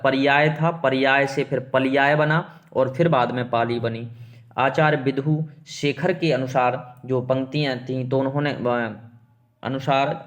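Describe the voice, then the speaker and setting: A man teaching an exam-prep lesson, explaining step by step with rhetorical questions and calling his students "beta". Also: mid-range voice.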